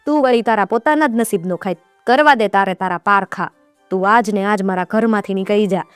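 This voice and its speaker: A woman putting on a furious rich merchant father, scornful, pitched up, dry close sound, faint music behind. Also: animated, moderate pace, darkish tone, dry recording, natural voice. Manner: angry, scornful challenge. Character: wealthy proud father, merchant, quick to anger.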